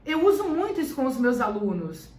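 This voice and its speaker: High-voiced Brazilian teacher in an echoey room. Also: female voice, sing-song, fairly quick, darkish tone, far from the mic. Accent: Brazilian Portuguese. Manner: explanatory, repeats phrases for emphasis. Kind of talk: educational talk to parents.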